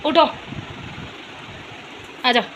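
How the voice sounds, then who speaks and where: A woman's voice: very slow, a bit bright, a little hiss or hum. A young woman vlogging at home, talking with her small daughter and the viewers, by turns coaxing and scolding. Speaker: vlogger and mother. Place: home, indoors.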